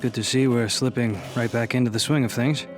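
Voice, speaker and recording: A man acting a genial, self-satisfied, obsessive gentleman scientist in a radio drama, chatty, wry and theatrical. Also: mid-range voice, fairly even intonation, brisk, close to an everyday voice. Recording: music under the voice.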